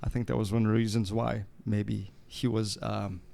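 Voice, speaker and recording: A man's voice: fairly low pitch, little pitch movement, moderate pace, creaky, warm tone. A man in his forties, born in Portugal and raised in Mozambique, telling his story in a chatty, playful podcast interview. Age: 40s. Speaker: guest musician.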